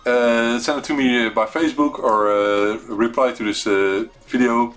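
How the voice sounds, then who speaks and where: Hosting an unscripted weekly retro computing live show, a man with a Dutch accent speaks at a moderate pace in a mid-range, slightly bright voice with fairly even intonation. He sounds hesitant and searches for words, over faint background music.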